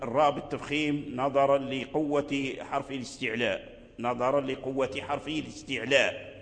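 An older man teaching a religious lesson, explaining a poem line by line in a measured way and repeating phrases for his students. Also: medium pitch. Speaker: Quran recitation teacher. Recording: echoey hall reverb.

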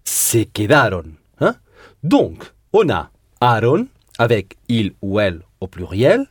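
Patient man teaching Spanish, lively slow delivery. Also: medium pitch, husky, no room sound, clean studio sound. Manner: patient, repeats answers with tag "hein?". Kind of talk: language lesson drilling conjugations.

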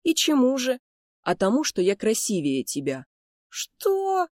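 A woman voicing a hot-headed young male twin mage, shrill and exasperated. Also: a little fast, a little mellow, dry recording, studio quality, close to an everyday voice. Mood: indignant.

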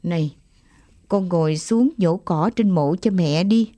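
A woman's voice: fairly low pitch, a little slow, dark tone, no room sound, close to an everyday voice. A woman reading an audiobook story, voicing a bitter, stubborn old grandfather who speaks curtly. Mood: gentle. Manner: stern and curt.

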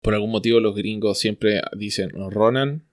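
A man's voice: mid-range voice, moderate pace, a bit bright. A man with a mid-range voice co-hosts a casual podcast. He reads out listener questions and slips in dry jokes along the way. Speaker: podcast co-host. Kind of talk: casual chat.

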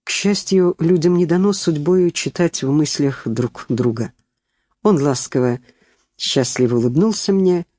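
A reader narrating a first-person novel in a tender, measured storytelling manner. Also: mid-range voice, mellow, dry recording. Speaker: audiobook reader.

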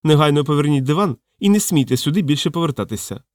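A man reading an audiobook, voicing a thin, stern official who speaks quietly and threateningly. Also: on the high side, lively intonation, quick pace, no room sound, clean studio sound, natural voice. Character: thin, stern male official, coldly menacing. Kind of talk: audiobook character voice.

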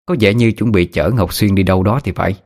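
A man narrating an audiobook story in a steady, even storytelling manner. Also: low voice, fast. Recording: faint background music. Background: soft background music.

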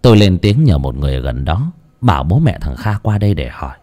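A man narrating a first-person ghost story as an audiobook, telling it expressively with dramatic pauses. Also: deep voice, big pitch swings, dark tone.

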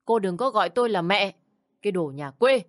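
A woman's voice: medium pitch, expressive, brisk, no echo, studio quality, voice pushed up, close to an everyday voice. A woman voicing a bossy, contemptuous older mother-in-law who scolds and sneers. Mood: scolding.

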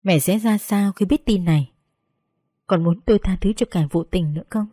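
A woman with a Northern Vietnamese accent, slowly and tenderly narrating a sorrowful story in the first person. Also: mid-range voice, dark tone, no echo, clean studio sound.

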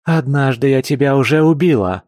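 A man's voice: mid-range voice, measured pace, darkish tone, dry recording, clean studio sound, natural voice. A man voicing a vengeful female beast-woman assassin who growls her threats in an audiobook. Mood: menacing. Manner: growling, menacing.

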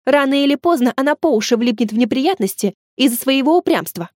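A bossy, irritable young woman, read by a female narrator snaps and lectures in a fairly high voice. The recording is close and dry. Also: animated, fast talker, no echo. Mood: scolding. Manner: syrupy, then snappish.

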